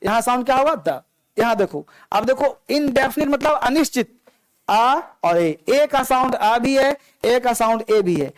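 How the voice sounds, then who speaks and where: A man teaches an English grammar lecture in English, repeating points and coaxing his students with questions. His voice is extremely high-pitched, animated, and a little slow, recorded with no room sound and poor audio quality.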